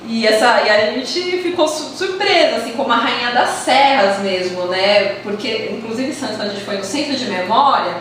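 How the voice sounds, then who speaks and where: A Brazilian woman from a theater project talking casually and lively about her research. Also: on the high side, normal speed, hardly any pauses, slight background noise. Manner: talkative, animated, acts out quoted voices. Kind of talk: casual conversation. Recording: echoey room, distant mic.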